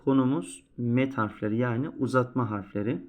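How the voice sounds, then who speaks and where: A man teaching a Quran alphabet lesson, drawing out each syllable slowly and chanting the drills louder. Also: medium pitch, highs cut off.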